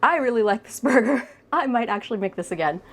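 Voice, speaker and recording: A woman's voice: a little high, expressive, brisk, a bit bright. A woman food vlogger chatting enthusiastically during an on-camera taste test, sometimes talking while she chews.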